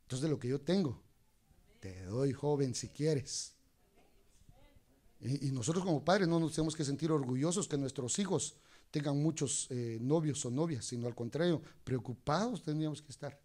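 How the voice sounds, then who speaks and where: A man preaching a sermon in church, animated, moving between soft asides and loud exclamations, sometimes speaking fast. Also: a little high. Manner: talks fast at times.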